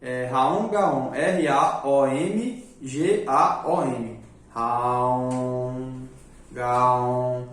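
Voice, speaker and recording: A chatty man teaches in a loose, joking way. His voice sits a little high for a man. He is picked up from a distance in a very echoey room. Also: lively intonation, drawn-out words, few pauses. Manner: joking, chatty, repeats "né?" often. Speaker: magic course teacher. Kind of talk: casual live class talk.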